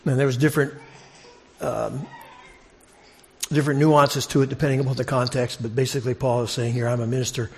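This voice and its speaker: A preacher teaches his congregation in a conversational expository sermon, asking questions and repeating phrases for emphasis. His mid-range voice is flat in delivery. He speaks fairly quickly but leaves long pauses.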